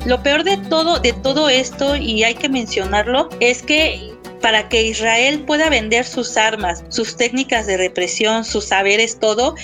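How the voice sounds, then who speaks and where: A woman's voice: on the high side, measured pace, faint music behind. A woman, speaking as an activist spokesperson and explaining her cause earnestly and steadily. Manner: earnest, steady, tags points with a questioning "no". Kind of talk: explanatory interview statement.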